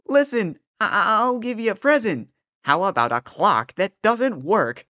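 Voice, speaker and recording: A performer voicing an eccentric, excitable and timid old man in a storybook tale. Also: medium pitch, slow pace, dull audio, voice pushed up, heavily acted. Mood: terrified.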